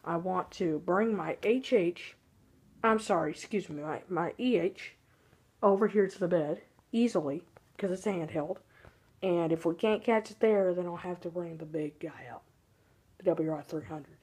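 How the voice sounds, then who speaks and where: A young Texan man, a weather radio hobbyist vlogger, gives hesitant, rambling, casual commentary into a handheld phone camera by the window of his small bedroom. His youthful voice is high-pitched, husky, and a little dark in tone, delivered at a measured pace.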